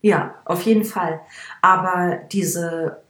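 A woman's voice: fairly low pitch, takes it slowly. Blunt Bavarian-born woman in an echoey room. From Bavaria, Germany. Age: 30s. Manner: blunt, animated, laughs often. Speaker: guest, hairdresser. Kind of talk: casual podcast conversation. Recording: roomy echo.

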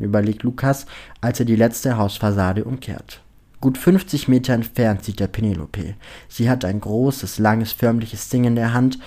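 Man, narrator, story reading, expressive, middle pitch.

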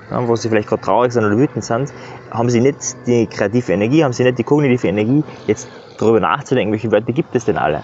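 A man's voice: medium pitch, a little mellow, a little hiss or hum. A man giving earnest, casual coaching advice in a motivational monologue, often adding "ja". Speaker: self-improvement coach. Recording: slightly dull recording.

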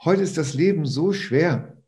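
A man's voice: on the high side, animated, unhurried, a little mellow. A man voicing a cheeky, carefree squirrel in a spoken fable, chatty and crude. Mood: grumbling.

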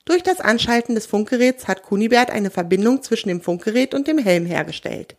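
A woman narrates a children's story with gentle, expressive warmth. Her voice stays mid-pitched but moves freely and lively through each sentence. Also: fairly quick. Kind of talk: children's audio story reading.

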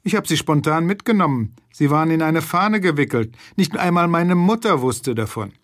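An earnest young man answers quickly in a slightly raised voice, read by a male narrator. The recording is dry and close. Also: on the high side, animated, no room sound, natural voice. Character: young man, defensive son.

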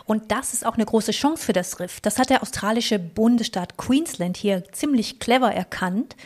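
A woman's voice: fairly high pitch, darkish tone. A woman co-hosting a travel podcast, explaining in an engaged, conversational storytelling manner. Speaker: co-host.

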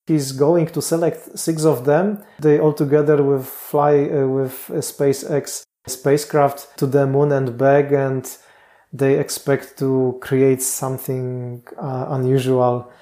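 Speaking with a strong Polish accent, a man who is a candidate for a Mars mission answers interview questions thoughtfully. His mid-range voice is mellow and level, and he often pauses and restarts his sentences.

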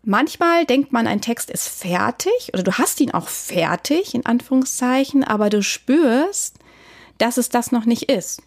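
A woman's voice: a little high, lively intonation, unhurried, dry recording. Thoughtful woman songwriter, dry close sound. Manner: thoughtful, explaining at length with examples. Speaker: songwriter and singer. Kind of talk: interview answer.

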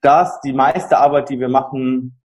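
A man who runs a care service, talking about end-of-life care in an animated conversation. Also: mid-range voice, moderate pace. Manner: animated storytelling, acts out quoted people. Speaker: palliative care service provider. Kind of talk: conversational interview.

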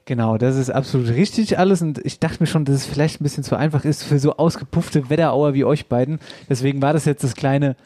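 A man hosting a casual dialect podcast, talking in a lively way and laughing often. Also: mid-range voice, no echo. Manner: lively, laughing, quick back-and-forth. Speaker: podcast host. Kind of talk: casual chat.

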